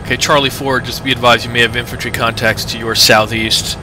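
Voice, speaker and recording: A man's voice: little pitch movement, fairly quick. Man on crackly, noisy military radio. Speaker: player commander in a military tank simulation. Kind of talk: radio-procedure game communication. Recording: crackly radio, heavy rumbling background noise.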